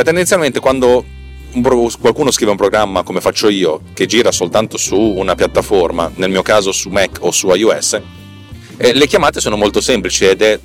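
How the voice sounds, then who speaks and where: This man, whose voice sits fairly low, sounds like a podcaster breaking down technical subjects. He keeps things loose and colloquial but stumbles, often stopping to fix what he's saying partway through. The overall impression is unpolished and self-deprecating.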